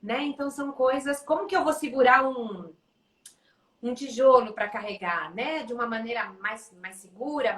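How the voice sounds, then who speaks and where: A woman with a Brazilian accent and a fairly high voice talks in a gentle, explanatory way, often checking in with "né?". Her voice rings in an echoey room. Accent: Brazilian Portuguese. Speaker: music educator host. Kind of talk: casual conversation.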